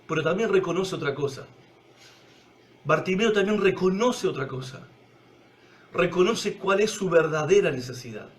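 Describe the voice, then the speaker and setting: A man with a Rioplatense accent preaching a sermon, emphatic, swinging from loud cries to hushed low tones. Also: lively intonation, normal speed, pauses often. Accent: Rioplatense Spanish.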